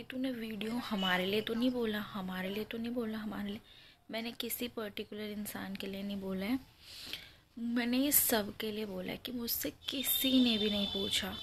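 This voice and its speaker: A woman's voice: mid-range voice, a little hiss or hum. A young woman from Delhi talking to viewers in a casual home vlog, chatty and earnest, holding her phone at arm's length. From Delhi, India. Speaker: vlogger. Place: indoors at home, face close to a handheld camera. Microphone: phone held at arm's length.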